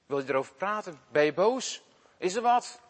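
A man voicing a kind, patient schoolteacher who speaks in a gentle, coaxing way. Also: sits high, expressive, moderate pace. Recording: long hall reverb.

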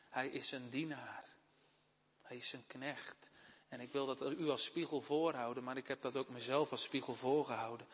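A man Urk, preaching an earnest sermon that swells into loud, impassioned appeals to the congregation. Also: mid-range voice. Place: church. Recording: long church reverb.

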